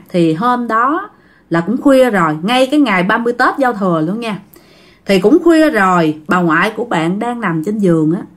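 Chatty woman storyteller. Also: mid-range voice. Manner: chatty, addresses listeners directly. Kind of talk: spoken ghost story narration.

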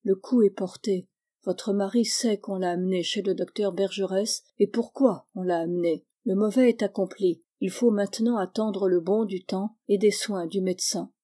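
A woman reading the part of an older gentleman who speaks with gentle, firm, fatherly persuasion in a novel. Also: medium pitch, fairly even intonation, normal speed, close to an everyday voice.

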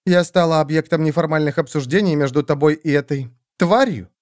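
A man's voice: fairly high pitch, brisk, a little mellow, no echo, studio quality, natural voice. A man voicing a haughty, jealous queen with a cold, cutting way of talking.

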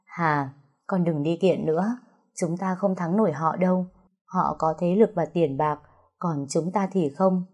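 A woman voicing a grieving middle-aged mother who talks softly and with resignation. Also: on the low side, a little slow, husky. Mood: resigned.

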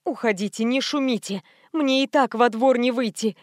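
A woman's voice: fairly high pitch, normal speed, no room sound, studio quality, close to an everyday voice. A woman reading an audiobook voices a frightened, pleading mother who often drops to a whisper. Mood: fearful.

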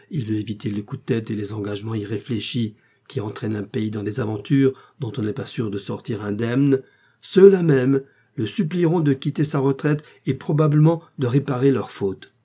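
A man reading an audiobook, voicing a calm, strong-willed aristocratic wife who speaks firmly and coolly. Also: mid-range voice, moderate pace, husky, lightly acted. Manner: firm, calm, cutting.

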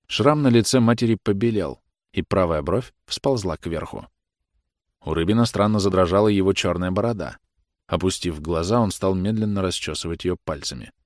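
A male narrator reads literary prose in a measured, grave manner. His voice is low, and the recording is dry and close with no room sound. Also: no echo. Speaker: audiobook narrator.

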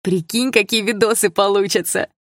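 A woman's voice: mid-range voice, steady tone, normal speed, dry recording, clean studio sound, voice pushed up, natural voice. A woman narrator voicing teenage schoolgirl bullies who mock and taunt their victim in an audiobook. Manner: mocking, taunting.

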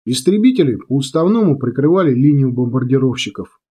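A man reading a military adventure novel aloud as narrator, telling it dramatically and slowing on key lines. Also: medium pitch, expressive, mellow, slightly rough. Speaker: audiobook narrator. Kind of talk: scripted narration.

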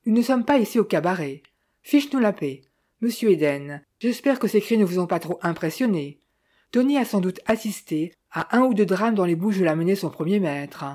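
A wealthy old man speaks in curt, commanding orders, as a woman narrator reads him. His voice stays mellow and soft-edged. It is an audiobook reading. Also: medium pitch, expressive, moderate pace, lightly acted. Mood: brusque. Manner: brusque, commanding.

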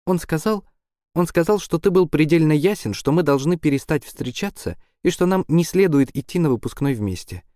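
A man's voice: fairly high pitch, sing-song, normal speed, darkish tone, dry recording, clean studio sound, pitched above the performer's own voice. A man voicing a hurt teenage girl who questions someone in a cold, accusing way, in an audiobook.

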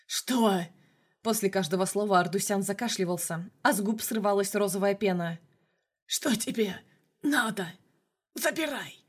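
A woman's voice: medium pitch, moderate pace, slightly rough, close to an everyday voice. A woman voicing a fat, wounded male gangster boss who coughs and begs for his life. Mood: desperate. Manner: coughing, pleading, strained.

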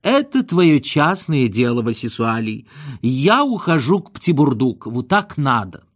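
A man reading an audiobook and voicing a cold, impatient wife who answers in curt, dismissive, flat lines. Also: medium pitch, unhurried.

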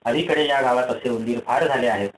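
A sly, lying man from a storybook fable, playing innocent in his excuses, as a man reads him. The voice sits mid-pitch with a roomy echo. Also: brisk, slight background noise, close to an everyday voice. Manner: feigned innocence. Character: sly, lying male friend.

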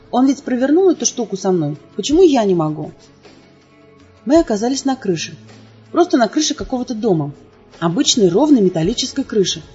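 A woman's voice: medium pitch, dark tone, breathy edge. Woman narrating an audiobook emotionally. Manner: emotional, dramatic. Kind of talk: first-person audiobook narration. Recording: dull lo-fi sound with faint music.

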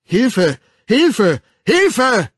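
A man voicing a panicky, indecisive man who shouts shrilly and frantically for help. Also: very high voice, sing-song, drawn-out words, slightly rough, no echo, clean studio sound, pitched above the performer's own voice, heavily acted. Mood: panicked.

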